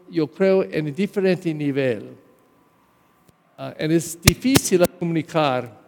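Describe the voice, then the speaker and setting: A man, a parish priest, giving a Sunday homily in a slow, halting way with restarts and fillers. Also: high-pitched, a little mellow, in a large hall. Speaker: pastor.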